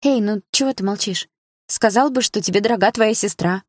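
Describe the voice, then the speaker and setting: A woman's voice: mid-range voice, a little fast, darkish tone, dry recording, studio quality, voice pushed up, lightly acted. A woman voicing a playful, teasing teenage younger sister who wheedles and pleads.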